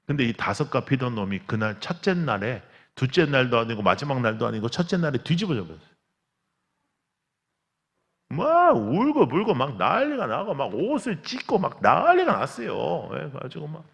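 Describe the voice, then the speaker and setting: A man preaching a revival sermon as pastor, telling stories with lively acted-out quotes and cries. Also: medium pitch, normal speed, vocal fry, husky. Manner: animated storytelling, acts out quotes and cries. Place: large church sanctuary. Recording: long church hall reverb.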